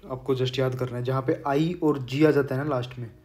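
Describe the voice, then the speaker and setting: Patient man teaching pronunciation, flat voice. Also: mid-range voice. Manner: patient, repeats words slowly for pronunciation. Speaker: German language teacher. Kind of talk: explaining lesson while writing on a board.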